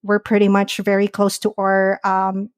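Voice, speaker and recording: A woman's voice: mid-range voice, completely flat delivery, normal speed, no echo, studio quality. A woman from the Philippines hosting a podcast, talking in a thoughtful, friendly, casual way. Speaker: podcast host. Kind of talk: casual conversation. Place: at home in Singapore.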